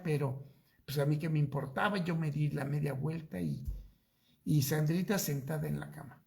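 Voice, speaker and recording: Slow gravelly Mexican pastor. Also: male voice, a little high, a little mellow. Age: middle-aged. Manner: slow, drawn-out storytelling with acted-out dialogue. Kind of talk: storytelling Bible study sermon.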